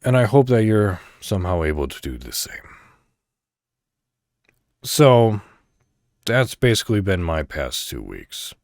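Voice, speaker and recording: This podcast host has a low, darkish voice and is very animated, yet he speaks a little slowly with long pauses. Alone at the mic, he chats casually, rambles somewhat and reads articles aloud, all in clean studio sound without echo.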